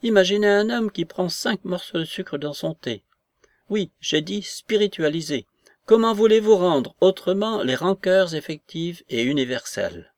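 A man voicing an excitable, fanatical old aristocratic woman in a read-aloud novel. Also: high voice, moderate pace, no room sound, studio quality, voice pushed up. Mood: indignant. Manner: agitated, exclaiming, insistent.

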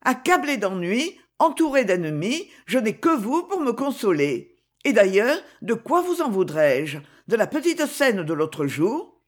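Narrator doing a grave, calm, sinister queen, bit husky, lots of movement in pitch. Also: measured pace. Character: queen, grave, calm and coldly menacing woman. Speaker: character in a read novel. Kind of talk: audiobook reading.

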